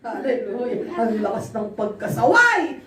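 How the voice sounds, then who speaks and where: Very high-voiced laughing woman preacher. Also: measured pace. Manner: animated, laughs often, acts out quoted dialogue. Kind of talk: sermon with personal storytelling. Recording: roomy echo, voice from far off.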